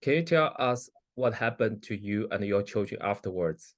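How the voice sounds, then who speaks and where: A man in a mock hearing, asking formal questions in a measured way. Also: fairly low pitch, expressive, no room sound.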